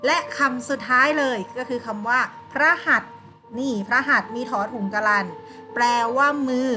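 A woman's voice: a little high, normal speed, sharp tone. Patient teacher woman over music. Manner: patient, coaxing, asks pupils questions and answers them herself. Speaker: primary school teacher. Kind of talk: online classroom lesson.

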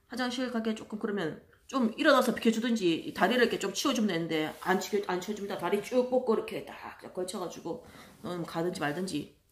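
A woman telling stories in a casual monologue, chatty and exasperated, acting out other people in loud voices. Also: mid-range voice. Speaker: vlogger.

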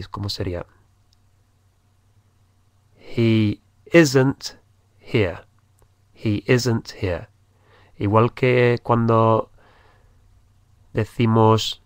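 With a fairly low-pitched voice, a man teaches English slowly, saying each phrase again with patience and spelling letters aloud. He's recorded dry, in clean studio quality.

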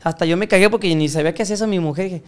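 A man's voice: high voice, very fast, smooth. A young Mexican man, a podcast guest, telling crude stories full of profanity and acting out the voices of people he quotes. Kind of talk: casual storytelling interview.

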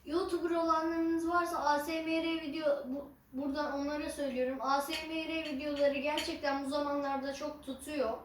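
A woman chatting casually to viewers as an eating vlogger, halting and unhurried, with some drawn-out words. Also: high-pitched, level tone. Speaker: mukbang ASMR vlogger. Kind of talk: casual chat to camera while eating. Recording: roomy echo, distant mic, faint noise.

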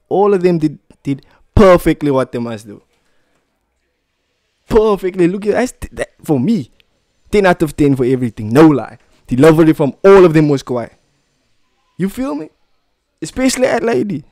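A young man speaks in a fairly high voice with a broad South African accent from Cape Town. He reacts casually in thick slang, repeating words for emphasis and swearing freely. The sound is close and dry. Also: no room sound. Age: young adult. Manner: animated, emphatic, repetitive, swearing. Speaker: music reaction video host. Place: small plain room indoors. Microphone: close studio microphone on boom arm.

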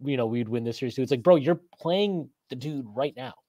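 Speaking a little fast in a warm, medium-pitched voice, this thirtysomething podcast host leads a relaxed postgame sports chat over a video call. The recording is dry, made on a webcam in a small room, and he rambles, reads viewer comments and laughs a lot.

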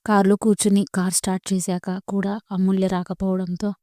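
Lady narrating a story steady and even, dark mellow voice, dry close sound. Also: medium pitch, fairly quick, no echo.

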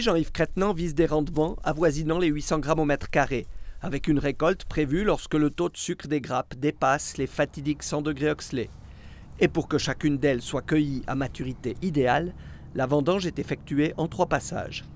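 A man with a Swiss French accent reading the scripted narration of a TV report in an even, measured way. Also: on the high side.

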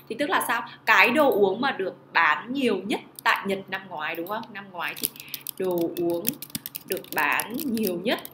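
Cô giáo trẻ giảng bài sôi nổi, giọng sáng. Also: female voice, medium pitch, echoey room, a little hiss or hum. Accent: Vietnamese. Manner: animated, asks rhetorical questions and answers them. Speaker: Japanese teacher. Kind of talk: online language lesson.

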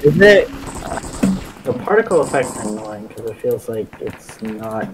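A young man hosts a laid-back gaming video, peppering his friend with questions and cracking jokes as he plays, with quick upbeat asides. His lowish voice has a sing-song quality, heard over music in a low-quality recording.

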